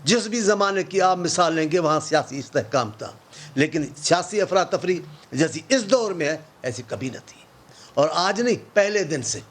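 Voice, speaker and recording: A man with a notably high voice argues as an opposition politician on a televised debate show. He is impassioned and biting, firing off rhetorical questions and sarcastic asides. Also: lively intonation.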